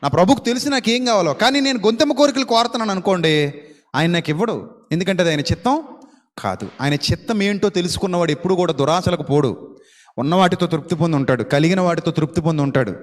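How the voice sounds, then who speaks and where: High-voiced man preaching in a hall. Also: lively intonation, fast. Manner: preaching with rhetorical questions and shifts of loudness. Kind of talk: sermon.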